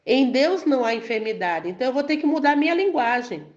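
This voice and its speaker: A Brazilian woman preaches in a loose, conversational way and keeps asking her listeners whether they follow. Her voice sits a little high. The recording sounds dull and lo-fi. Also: lively intonation, a little fast, a little mellow. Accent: Brazilian Portuguese. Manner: chatty, keeps asking "entendeu?" and "amém?", laughs lightly. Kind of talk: conversational sermon.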